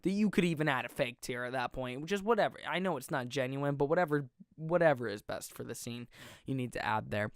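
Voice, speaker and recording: A young man hosting a podcast, reviewing a film in a casual, rambling, excitable way and often correcting himself mid-sentence. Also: mid-range voice, quick pace, dry recording, studio quality. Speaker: podcast host.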